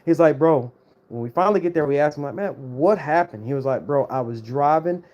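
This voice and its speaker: A man's voice: fairly high pitch, brisk, dull audio. A man hosting a livestream, casually telling an eerie personal story and acting out the voices of the people in it. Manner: animated, acts out quoted voices. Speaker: host.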